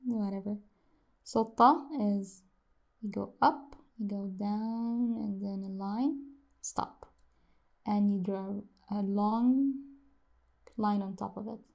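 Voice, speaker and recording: Woman tutor, casual lesson, drawls slowly, repeats each sound, thinks aloud. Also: medium pitch, gravelly, darkish tone. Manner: slow, repeats sounds many times, muses aloud. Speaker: language teacher.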